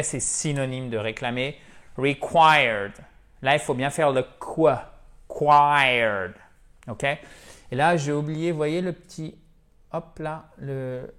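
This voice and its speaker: Slow-talking French teacher drilling words. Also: male voice, medium pitch. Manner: slow, explanatory, repeats English words several times for drill. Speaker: English pronunciation teacher. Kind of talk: online lesson.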